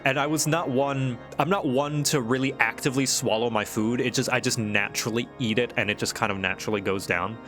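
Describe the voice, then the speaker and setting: A man's voice: medium pitch, steady tone, brisk, hardly any pauses, fairly bright tone, soft background music. A man live-streaming a game, chatting casually with rambling, playful asides.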